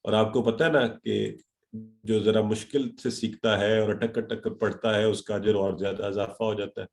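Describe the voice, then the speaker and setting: A man's voice: on the low side, steady tone. Male online teacher, middle-aged, encouraging lecture manner, English words mixed in, video-call sound. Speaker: Arabic grammar teacher.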